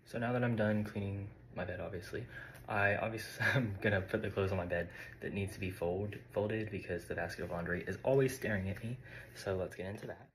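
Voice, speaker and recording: A man's voice: lowish voice, brisk, slight background noise, poor audio. A young man talking casually in a home cleaning vlog, chatty and full of "like" fillers, filmed on a phone in his bedroom. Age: young adult. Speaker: vlogger. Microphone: phone camera, moving around the room.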